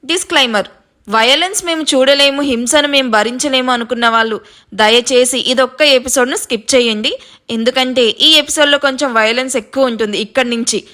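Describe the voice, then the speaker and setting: A woman's voice: high-pitched, fairly quick, bright, forceful tone. A woman narrating a serialized audio story dramatically, sometimes speaking straight to her listeners. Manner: dramatic, addresses listeners directly.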